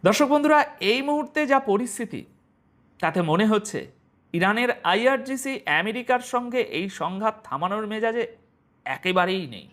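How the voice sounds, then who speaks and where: A man presenting international news commentary, speaking straight to his viewers and asking them rhetorical questions. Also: sits high. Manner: animated, rhetorical questions to the audience.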